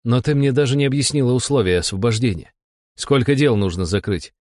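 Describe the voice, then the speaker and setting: A man's voice: mid-range voice, fairly quick, a little mellow, no echo, studio quality, voice pushed up, close to an everyday voice. A man voicing a blunt, frustrated young male inquisitor in an audiobook. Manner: blunt, frustrated, plain-spoken. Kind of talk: audiobook dialogue.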